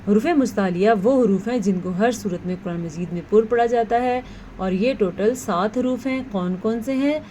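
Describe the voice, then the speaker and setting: A woman teaching a tajweed lesson, explaining rules patiently and reciting words slowly. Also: a little high, mellow, a little hiss or hum.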